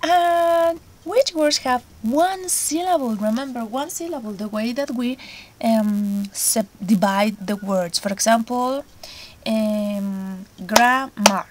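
A woman teaches an English lesson, going through each exercise slowly and patiently. Her voice sits fairly high, and she speaks at an unhurried pace. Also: a little mellow, slight background noise. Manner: slow, patient, explains step by step. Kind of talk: recorded remote lesson.

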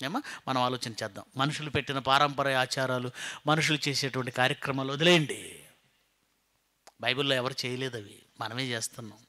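A middle-aged man preaching a sermon, firing rhetorical questions and swinging from loud exclamations to quiet asides. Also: mid-range voice, steady tone, a little fast.

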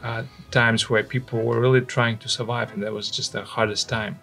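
A man's voice: medium pitch, flat delivery, normal speed, a bit bright, soft background music. A man in his forties from Russia with a Russian accent, recalling his life conversationally as an interview guest, close to a studio microphone. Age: 40s. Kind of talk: conversational personal recollection. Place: indoor studio. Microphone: microphone on a stand, close.

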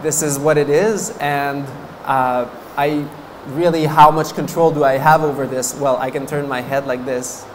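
In a meditation hall, seated before a banner and speaking into a stand mic, a thirtysomething Buddhist monk from French-speaking Canada, whose first language is French, delivers a chatty dharma talk to a meditation course, gesturing as he goes and laughing often between fillers. His voice is fairly high with fairly even intonation, at a measured pace with hardly any pauses. Slight background noise and a rough recording.

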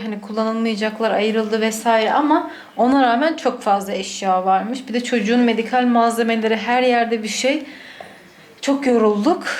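A woman vlogging casually at home, speaking softly and gently while her child sleeps nearby. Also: on the high side, a little hiss or hum. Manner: soft and hushed beside a sleeping child. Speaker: vlogger, mother. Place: indoors at home. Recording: echoey room, faint ambience.

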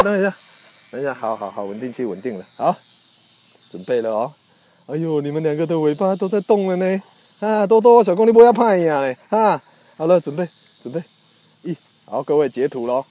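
Excitable high-voiced man hyping his dogs. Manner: mock-announcer hype, loud whoops and laughter. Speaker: host of a pet livestream. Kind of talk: playful livestream commentary. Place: outdoors with dogs. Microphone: handheld phone on a stabilizer.

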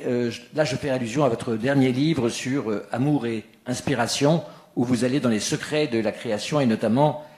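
A man moderating a panel, introducing the next guest in long winding sentences broken by many hesitations. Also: mid-range voice. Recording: echoey hall sound.

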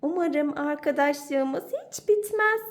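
A gentle little mouse from a storybook, as a woman reads it aloud, earnest and soft-spoken. Her voice is high and lively. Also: slow pace, heavily acted.

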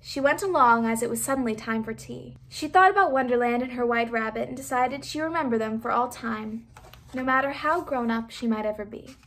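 A woman reading a children's picture book aloud, expressive and playing the sound effects. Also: fairly high pitch, brisk. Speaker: storybook reader. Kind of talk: children's storybook read-aloud.

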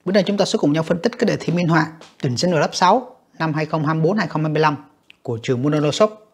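A man walks students through an exam in a slightly husky voice, repeating himself and calling to the class often. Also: fairly high pitch, very fast, slight background noise. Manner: repetitive, addresses students directly with many fillers. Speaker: English teacher. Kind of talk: exam walkthrough lesson.

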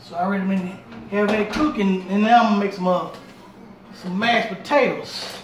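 A man's voice: high-pitched, moderate pace, recorded from a distance. A middle-aged man hosting a casual home cooking demonstration, chatting and repeating himself as he works around a small kitchen. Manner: talks while moving around the kitchen. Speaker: home cooking show host. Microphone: camera on tripod across the kitchen. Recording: roomy sound from a camera across the kitchen, noisy. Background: clatter of pots and dishes.

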